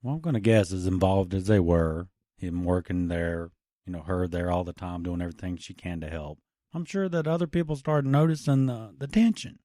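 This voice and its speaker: A man's voice: low voice, normal speed, warm tone, dry recording, studio quality. A man co-hosting a casual true crime podcast, loose and wisecracking, swearing freely. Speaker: podcast co-host.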